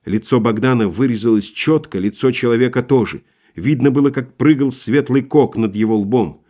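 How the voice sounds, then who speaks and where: A man reading a novel aloud as an audiobook narrator, expressive and vivid. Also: medium pitch, normal speed. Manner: expressive, acting out crowd voices.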